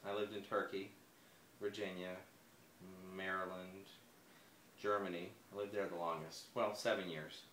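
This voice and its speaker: An American man in his forties with a very low, level voice answers personal interview questions hesitantly and softly, pausing often and using many fillers and restarts. The recording is echoey, with a faint hum of room noise.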